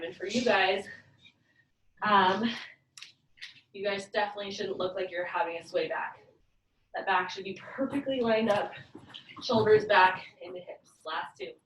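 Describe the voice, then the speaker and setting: A woman's voice: medium pitch, a bit bright. A woman leading a workout as an aerobics instructor, calling counts, breathing and posture cues in short, encouraging commands. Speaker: fitness class instructor. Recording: roomy echo, far from mic, faint noise.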